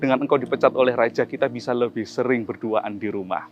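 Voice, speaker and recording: A man's voice: medium pitch, fast talker, darkish tone, muffled recording, close to an everyday voice. A man voicing the advisor's emotional wife in a told story, in a raised, tearful-sounding tone.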